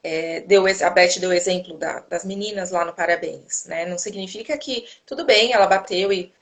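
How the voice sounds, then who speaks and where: A woman hosting a casual chat, a mother telling lively stories and acting out what people say, over a video call. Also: on the low side, normal speed, vocal fry. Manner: animated, acts out quotes while telling stories. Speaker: host; mother of a toddler.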